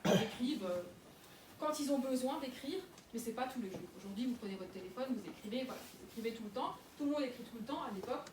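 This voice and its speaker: A fairly high-voiced young adult woman delivers a public lecture, frequently pausing on fillers and starting her sentences over. Echo fills the room, she sounds far from the microphone, and steady background noise persists throughout.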